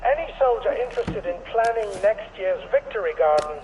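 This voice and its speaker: An actor playing a brisk male military camp announcer, making formal announcements over a camp loudspeaker. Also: high voice, expressive, crowd noise. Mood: official. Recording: dull lo-fi loudspeaker sound with faint noise.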